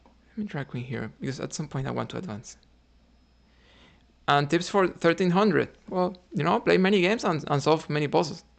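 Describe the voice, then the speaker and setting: With a fairly high, animated and gravelly voice at a moderate pace, a Cuban man commentates live while playing chess. He thinks aloud about his moves, frequently adds "right?" and talks to viewers between moves.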